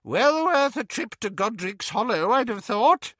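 A man voicing a shrill, gossipy elderly witch with a cheerful, tart and testy manner. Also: big pitch swings, measured pace, a bit bright, no echo, clean studio sound, full character voice.

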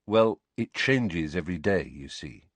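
Guy reading a teen boy, cool and flat, low husky voice. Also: unhurried, dry recording. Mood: cold. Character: teenage boy, cold and resigned.

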